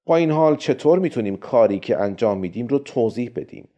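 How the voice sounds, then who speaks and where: A man voicing a calm, friendly male robotics expert who patiently reasons his case, in a storybook reading. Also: medium pitch, lightly acted. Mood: calm persuading. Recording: dull lo-fi recording.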